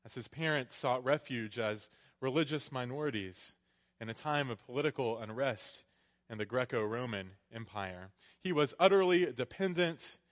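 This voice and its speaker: A man delivers a sermon in a big church, his voice ringing with long reverb. He speaks slowly and deliberately in short phrases, on the higher side for a man. There is a playful touch to how he addresses his listeners. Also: a bit bright. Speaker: preacher, priest. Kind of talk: Christmas Eve sermon from the pulpit. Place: large church. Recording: echoey hall with long reverb.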